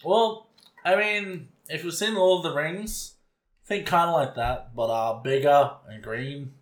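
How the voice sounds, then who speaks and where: A man's voice: on the high side, unhurried, reverberant. A man co-hosting a podcast in a joking, laid-back casual chat. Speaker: podcast co-host.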